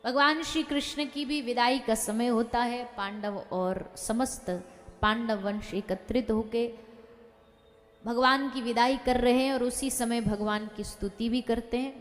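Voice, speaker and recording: A woman's voice: on the high side, big-room sound. A woman giving a devotional scripture discourse, animatedly telling the story and acting out its dialogue. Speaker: religious storyteller.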